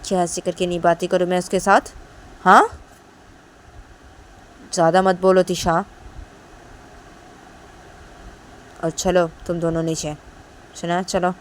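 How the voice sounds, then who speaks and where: A woman voicing an angry mother scolding her grown daughter, shrill and loud. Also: flat delivery, moderate pace, pauses often, a little hiss or hum, close to an everyday voice.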